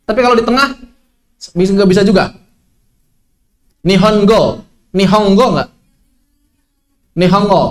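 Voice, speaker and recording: A man teaching an online tajwid lesson, lively, asking questions and answering them himself. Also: high voice, normal speed, pauses often. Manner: lively, asks and answers his own questions. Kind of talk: online Quran recitation lesson.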